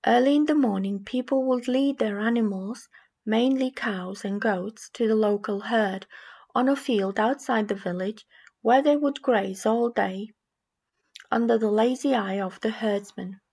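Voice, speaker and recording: Gravelly-voiced Romanian-accented woman preaching. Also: on the high side, darkish tone. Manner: measured, reflective delivery with small restarts. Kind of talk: sermon with Bible reading.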